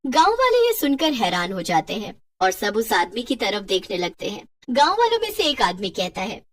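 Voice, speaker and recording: A woman narrating a cartoon horror story in a lively storytelling manner. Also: medium pitch, normal speed, recorded from a distance.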